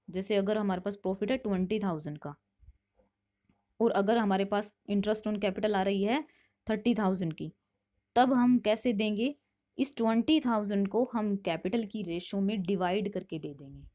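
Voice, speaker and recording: A woman teaching commerce for competitive exams. She reads English multiple-choice questions out slowly and then explains each one quickly, often stopping to check with "theek hai". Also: mid-range voice, darkish tone.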